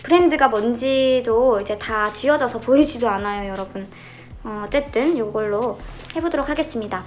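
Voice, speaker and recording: A woman in her thirties with a slightly high voice, walking viewers through her daily makeup in a relaxed, gentle way. She talks in easy step-by-step instructions from her home, with soft music playing behind her. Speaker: makeup tutorial host. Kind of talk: casual makeup tutorial.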